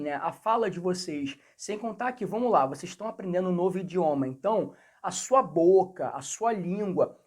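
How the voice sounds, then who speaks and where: Chatty Rio-accented man teaching English. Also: high voice. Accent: Rio de Janeiro Portuguese. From Brazil. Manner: chatty, repeats phrases, addresses viewers directly. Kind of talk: casual video lesson.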